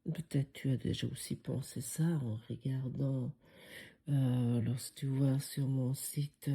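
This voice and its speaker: Slow, dark-voiced woman with Swiss-tinged accent. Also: very deep voice, fairly even intonation, gravelly. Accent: foreign French accent with Swiss tinge. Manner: hesitant, many fillers, musing. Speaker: spiritual course teacher. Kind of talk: reflective spoken lesson.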